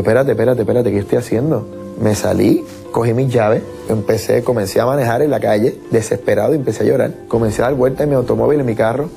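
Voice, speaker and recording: A man's voice: medium pitch, creaky, warm tone. A man giving an emotional personal testimony, repeating words and acting out what he said back then. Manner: emotional, repeats words, acts out his own past quotes. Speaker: former merengue singer giving testimony.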